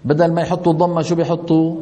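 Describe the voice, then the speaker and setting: A middle-aged Quran recitation teacher gives a tajweed lesson, often asking his students questions and then answering them himself. His voice is on the high side and dark in tone, with little pitch movement, and he talks very fast.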